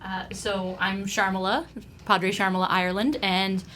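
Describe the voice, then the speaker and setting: A young woman from Ontario tells her story as an interview guest. She talks casually and hesitantly, full of uhs, at a middle pitch. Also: level tone, normal speed, bright, forceful tone. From Ontario, Canada. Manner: chatty, hesitant, many fillers. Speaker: podcast guest.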